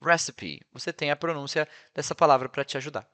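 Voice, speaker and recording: Brazilian man, a touch high-pitched, Brazilian Portuguese accent; relaxed teacher voice-over, chatty with constant tag questions. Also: fast talker. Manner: chatty, peppered with "né?" and "ó". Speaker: English teacher. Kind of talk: casual screen-share tutorial.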